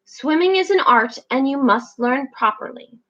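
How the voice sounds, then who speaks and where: A woman's voice: high-pitched, animated, moderate pace, pushed and bright, dull audio. A woman reading a storybook aloud, voicing a stern male penguin teacher who speaks in a formal, cautioning way.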